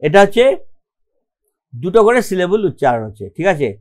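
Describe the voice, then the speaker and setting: A man's voice: high voice, sing-song, brisk. A man with a Bengali accent teaching a grammar lesson, explaining step by step and often checking with "okay?". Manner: mixes English terms into his explanations.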